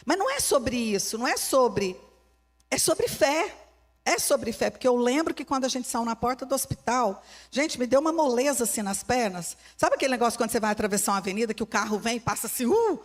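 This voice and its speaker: A woman's voice: on the high side, expressive, brisk. A Brazilian woman pastor preaching a sermon with a Brazilian Portuguese accent, fervent and emphatic, repeating her key phrases. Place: church hall. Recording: long church-hall reverb.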